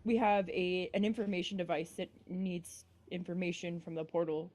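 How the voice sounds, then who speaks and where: A woman's voice: lowish voice, steady tone, moderate pace, dark tone. A woman playing a tabletop game, talking politely and eagerly. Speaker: player.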